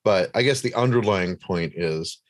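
Low-voiced rambling man hosting. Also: normal speed, dry recording. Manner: rambling, many fillers and restarts. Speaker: podcast host interviewing a guest. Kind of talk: casual conversational interview.

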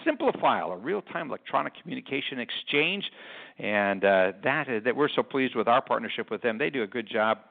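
A man's voice: mid-range voice, creaky. A man hosting a business podcast in a casual, rambling way with frequent self-corrections, speaking in an echoey room. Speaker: podcast host. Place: rented airport conference room. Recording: echoey room, phone-like narrow sound. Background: room echo.

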